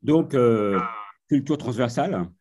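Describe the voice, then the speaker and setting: Man moderating, mellow tone, relaxed, hesitant, lots of fillers. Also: medium pitch, slow. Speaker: host of the master class. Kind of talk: moderating a talk.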